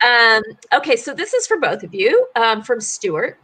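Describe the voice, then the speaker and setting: A woman's voice: on the high side, sing-song, normal speed, pushed and bright, husky. A woman moderating a video-call panel, friendly and rambling, with many fillers.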